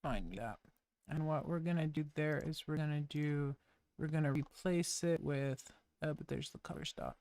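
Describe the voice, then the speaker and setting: A woman with a low, mellow voice live-streams web development with no echo. Slow and muttering, she narrates each step aloud as she types code, in a casual, wry thinking-aloud stream.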